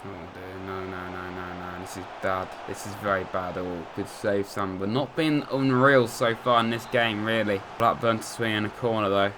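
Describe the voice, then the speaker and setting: A young English man giving casual commentary over a football video game, chatty, muttering asides and cheering loudly at goals. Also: on the low side, normal speed, hardly any pauses, noisy background. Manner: chatty, swings between mumbled asides and excited shouts at goals. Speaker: gaming youtuber. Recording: light music behind.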